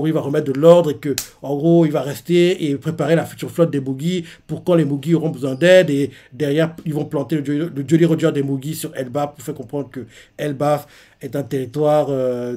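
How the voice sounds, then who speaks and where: A man's voice: fairly high pitch, darkish tone. A man recapping and reacting to a manga chapter in a casual live stream, rambling with many fillers. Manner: rambling, full of fillers like "en gros" and "quoi".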